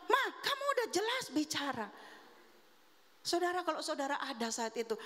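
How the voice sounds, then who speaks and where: Earnest woman preaching in an echoing hall. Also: medium pitch. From Manado, Indonesia. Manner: earnest, confessional, addressing the congregation directly. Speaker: guest preacher. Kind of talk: sermon testimony. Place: church sanctuary. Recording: reverberant church hall.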